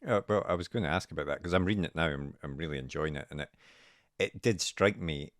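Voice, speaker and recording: Very deep-voiced man on a dry mic. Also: fast talker, no room sound. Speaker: podcast host. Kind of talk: conversational podcast interview.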